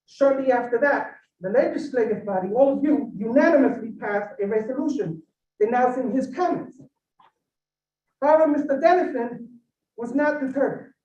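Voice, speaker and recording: A woman's voice: high-pitched, moderate pace, mellow. Woman making a firm public statement. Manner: firm, emphatic address to the chair. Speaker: public commenter. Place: county legislature meeting room. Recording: roomy hall audio from a distant mic, dull.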